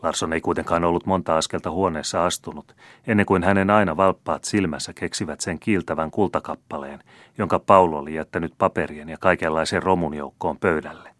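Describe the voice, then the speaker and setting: Brief: male audiobook narrator, very deep voice, steady measured reading, dry close sound. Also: no echo. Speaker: audiobook reader. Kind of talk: scripted narration.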